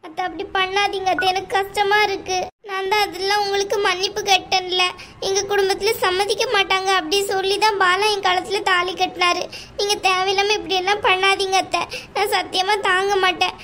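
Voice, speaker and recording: A woman's voice: very high-pitched, level tone, fairly quick, bright, forceful tone. A woman voicing a young, newly married wife who pleads tearfully with her mother-in-law in an amateur audio drama. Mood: pleading.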